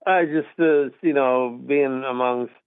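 Speaking a little slowly, this middle-aged caller from Texas has a clear, resonant mid-range voice. He rambles with earnest emphasis on a call-in radio show, heard through a tinny, dry phone line.

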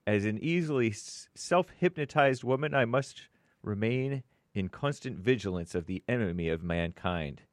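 Low-voiced man reading viewer messages. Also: expressive, normal speed, dry recording, studio quality.

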